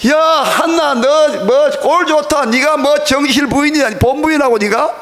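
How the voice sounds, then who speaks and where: A man's voice: extremely high pitch, unhurried, a bit bright, long reverb tail, pitched above the performer's own voice. A man voicing a spiteful, jealous rival wife who hurls scornful taunts. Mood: sneering.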